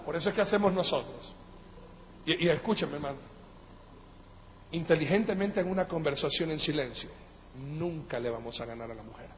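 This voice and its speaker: A male pastor with a Latin American Spanish accent, preaching emphatically, swinging from loud outbursts to quiet asides and calling his listeners brothers. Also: a little high, fairly quick, long pauses. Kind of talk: sermon. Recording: echoey hall, dull lo-fi sound, faint noise.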